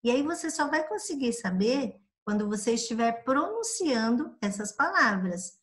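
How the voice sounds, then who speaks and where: A woman's voice: on the high side, sing-song, a bit bright. A woman from Brazil teaching a grade-school lesson review, patiently drawing out each example word for young pupils. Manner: patient, spells out examples slowly for children.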